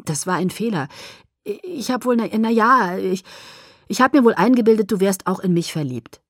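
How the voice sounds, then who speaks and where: A woman's voice: on the low side, brisk, darkish tone, husky, dry recording, clean studio sound. A woman reading the part of a teenage werewolf boy in a novel, teasing at first, then muttering and sarcastic. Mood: apologetic.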